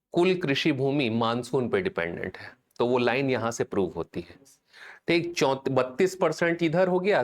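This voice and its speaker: Guy teaching an exam class, chatty, keeps asking if students got it. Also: mid-range voice. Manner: call-and-response drilling, chanting mnemonics slowly; conversational, checks in with students often. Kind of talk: live online class lecture.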